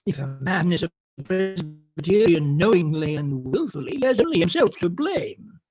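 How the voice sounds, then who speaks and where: A woman's voice: on the low side, big pitch swings, normal speed, a little mellow, lo-fi sound. A woman playing a mild, polite clergyman in a stage play reading, flustered and hesitant. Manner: hesitant, deferential.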